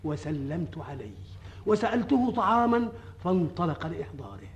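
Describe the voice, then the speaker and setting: A man playing an excitable, timid wanderer in an old radio drama, theatrical, with an Egyptian accent. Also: on the high side, brisk. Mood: animated storytelling. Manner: theatrical storytelling. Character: excitable, timid male folk-tale wanderer telling his fortune.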